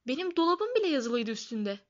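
A woman's voice: high voice, animated, moderate pace, fairly bright tone, muffled recording. A woman voicing a defiant, indignant young boy. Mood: demanding. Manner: indignant, insistent.

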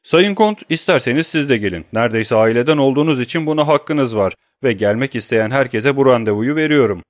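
A man's voice: mid-range voice, expressive, brisk, dry recording, clean studio sound, voice pushed up, lightly acted. A man reading an audiobook who voices a cold, grimly furious young nobleman, talking in clipped, menacing tones.

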